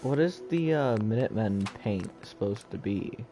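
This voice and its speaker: A man's voice: fairly low pitch, animated, moderate pace, mellow, soft background music. A man streaming a video game live, who chats loosely to himself and swears as he sorts his gear. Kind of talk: casual gameplay commentary.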